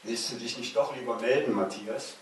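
A man's voice: mid-range voice, moderate pace, far from the mic, a little hiss or hum, close to an everyday voice. A man voicing a friendly, curious young man on a train in a read-aloud memoir. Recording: echoey room, voice from afar.

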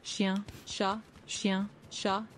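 A synthetic female text-to-speech voice reading out viewer messages in a flat, even way. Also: mid-range voice, extremely slow, slight background noise.

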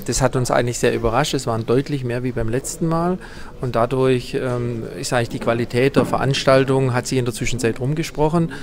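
A man event organizer answering interview questions hesitantly with many fillers. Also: medium pitch. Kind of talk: on-site interview.

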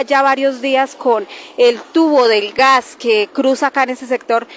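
A woman reporter giving a live field report outdoors, hesitant with many fillers. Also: fairly high pitch. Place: roadside outdoors.

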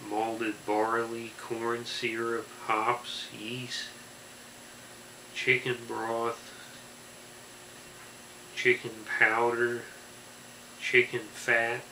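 A man in his forties giving a deadpan, deliberate food review to camera in a small room. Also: mid-range voice, reverberant. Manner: slow, deadpan, deliberate listing. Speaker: snack reviewer. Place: small room indoors with fabric backdrop. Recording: faint hiss in the room.

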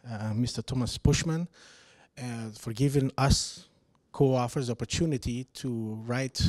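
A man from Greece, a company founder, giving a formal, measured self-introduction into a handheld mic in a seminar room. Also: medium pitch, darkish tone, no room sound. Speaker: founder and CEO. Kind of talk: self-introduction at book launch.

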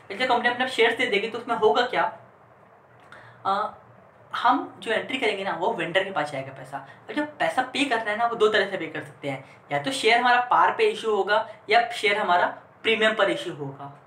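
A man's voice: high-pitched, pushed and bright. Male accountancy tutor mixing English terms into his explanations, constantly checking comprehension, recorded in a roomy space with a faint background hum. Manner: keeps checking that students follow along. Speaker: accountancy teacher. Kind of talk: online class lecture. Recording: echoey room with faint ambient noise.

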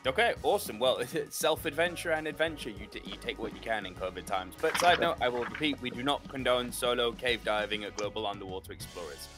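A young man hosting a casual interview over a video call, eager and jokey, prompting his guest with quick asides. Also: mid-range voice, expressive, over music. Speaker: host. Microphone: webcam on a video call.

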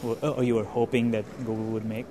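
A man's voice: medium pitch, level tone, quick pace, mellow. A man hosting a podcast, casually interviewing developers at a conference, laughing often and using many fillers. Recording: crowd chatter behind.

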